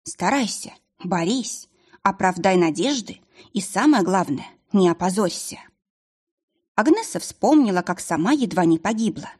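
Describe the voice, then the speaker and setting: Husky woman narrating an audiobook. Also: medium pitch. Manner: measured, expressive storytelling.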